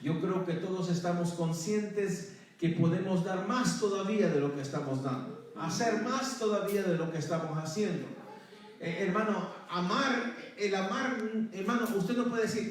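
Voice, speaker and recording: A male pastor preaching a sermon to his congregation, often calling them "hermano" and breaking into praise. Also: high voice. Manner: calls out to the congregation, repeats "hermano" and praise phrases. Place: church sanctuary. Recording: very echoey church hall from far off.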